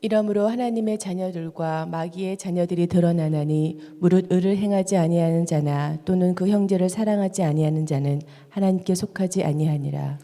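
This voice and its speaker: A woman reading a Bible passage aloud in a steady, formal way from a church broadcast room. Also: on the low side, normal speed, hardly any pauses. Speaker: scripture reader from the broadcast booth. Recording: reverberant church hall.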